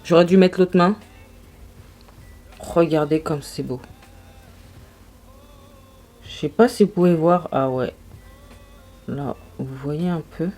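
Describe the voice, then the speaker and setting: A woman's voice: low voice, takes it slowly, long pauses, dark tone, faint music behind. A young woman vlogging makeup swatches, gushing and exclaiming over each shade in casual chat. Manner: gushing, exclamatory, marvelling aloud. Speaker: beauty vlogger.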